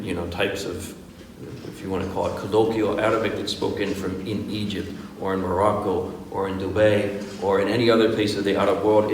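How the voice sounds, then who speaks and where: An imam with a lowish voice leads an informal Quran workshop, lecturing conversationally, demonstrating Arabic pronunciation and tossing in rhetorical questions like "right?" and "okay?". He sits far from the mic in an echoey hall, with a little hiss or hum.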